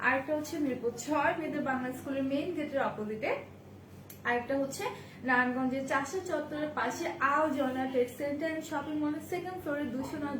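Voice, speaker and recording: A woman's voice: sits high, fairly bright tone, a little hiss or hum. A woman from Bangladesh, hosting a live sales stream and greeting each viewer by name. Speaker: live-stream seller and host. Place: indoor shop with bags on display behind her. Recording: echoey room with faint ambience.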